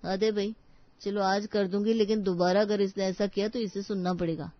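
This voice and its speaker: A woman's voice: medium pitch, steady tone, a little fast, dry recording, natural voice. A woman voicing a casual, chatty young sister-in-law who hands out breezy advice, recorded dry and lo-fi. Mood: annoyed. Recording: dry, dull lo-fi sound.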